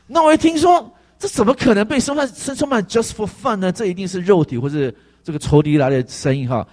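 A male pastor giving a conversational testimony sermon, animated and full of fillers. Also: sits high, fast.

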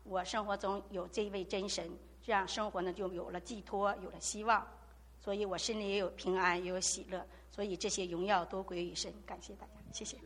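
A woman's voice: medium pitch, little pitch movement, a little fast. A woman giving an earnest personal testimony at a church gathering, retelling a story with quoted dialogue. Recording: long hall reverb.

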